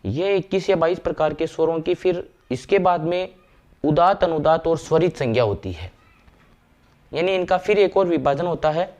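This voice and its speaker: A man explaining grammar step by step, slowing down to recite verses and sounds. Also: a little high, a little mellow. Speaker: Sanskrit grammar teacher. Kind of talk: classroom lecture.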